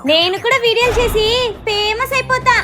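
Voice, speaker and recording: Woman acting as a loud bossy mom, high voice, scolds and brags, music behind. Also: brisk, echoey room. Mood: scolding. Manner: scolding, boastful, drawling. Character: bossy, scolding middle-aged mother chasing internet fame.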